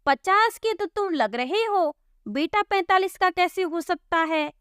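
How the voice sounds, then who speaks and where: A woman's voice: very high-pitched, lively intonation, unhurried, a bit bright, no echo, studio quality, pitched above the performer's own voice, heavily acted. A woman voicing an impatient village police constable who scolds and questions people in a storybook tale. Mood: exasperated. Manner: scolding, exasperated. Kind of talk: storybook voice acting.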